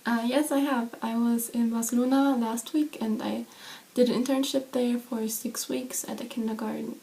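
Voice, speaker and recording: A friendly twenty-year-old woman answers questions in casual interview talk. Her voice sits a touch high, and she often giggles. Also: steady tone, normal speed, vocal fry, mellow. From Germany.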